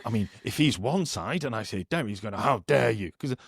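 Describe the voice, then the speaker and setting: A man's voice: on the low side, animated, quick pace, breathy edge, no echo, studio quality. A middle-aged man, hosting a podcast and telling jokey stories with a laugh. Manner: jokey storytelling, laughs at his own stories. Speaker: podcast host. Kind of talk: casual chat.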